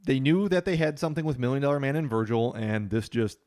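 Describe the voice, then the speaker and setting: A man's voice: medium pitch, expressive, fast, darkish tone. A man co-hosting a podcast, talking in a conversational, dry and opinionated way. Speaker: podcast co-host. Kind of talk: casual chat.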